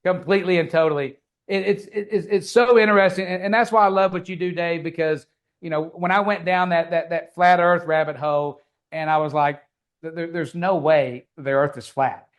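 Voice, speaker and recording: A man's voice: on the high side, moderate pace. A man on a podcast who talks in casual chat, stammering and restarting, often saying brother. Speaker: podcast host.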